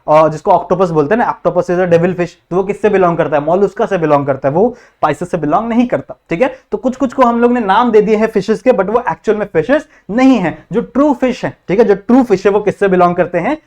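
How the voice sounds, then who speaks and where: A young man teaching a biology class, asking rhetorical questions and checking in constantly. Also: high-pitched. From India. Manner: repetitive, quizzing students with constant check-ins. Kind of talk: classroom lecture in Hindi-English mix.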